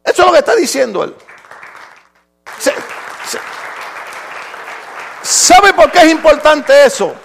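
A middle-aged man pastor delivering an impassioned sermon that swings from shouts to quiet. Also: very high voice, very animated, measured pace, vocal fry, pauses often, over music, a crowd in the background.

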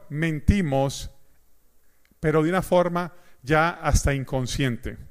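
A male pastor preaching to a congregation, telling personal stories with lively asides and questions to the audience. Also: a little high. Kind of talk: sermon.

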